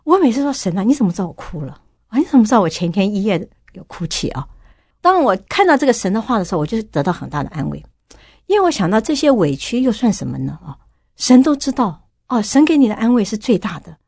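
A woman's voice: mid-range voice, big pitch swings, a little mellow, husky, dry recording, studio quality. A middle-aged woman earnestly telling her personal faith testimony as a radio guest. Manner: quick, earnest storytelling.

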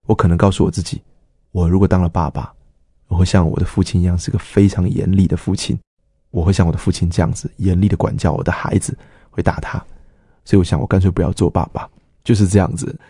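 A man's voice: low voice, fairly even intonation, quick pace, warm tone, husky, dry recording, studio quality. A middle-aged man, a pastor earnestly telling his personal testimony and acting out the dialogue he quotes.

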